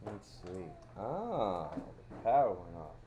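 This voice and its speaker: This crayon painting streamer is a Dallas man whose Texas accent carries a deep, sing-song voice at a slow pace. He talks to himself in a folksy, chatty way while painting, with background noise behind him.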